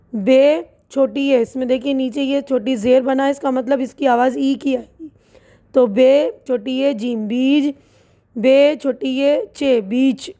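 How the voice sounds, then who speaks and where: A woman with a bright, high voice leads a recorded lesson for small children. She spells each word slowly, sound by sound, and keeps checking in with her pupils. Her delivery is patient and steady. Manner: patient, spells out letters slowly and asks "right?" often. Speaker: Urdu teacher. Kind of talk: online lesson for young children.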